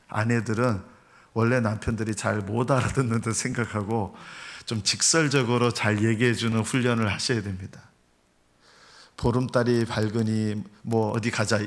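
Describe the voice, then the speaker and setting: A middle-aged male pastor giving a sermon in a church. He talks in a lively, joking way and acts out quarrels between a husband and wife in little voices. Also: on the low side. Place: church sanctuary.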